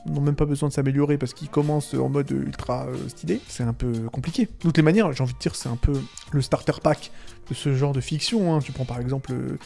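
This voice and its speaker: Sarcastic young man with a gravelly voice. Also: on the high side, warm tone. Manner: sarcastic, laughs often, frequent fillers and restarts. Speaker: anime commentator. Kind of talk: casual video commentary.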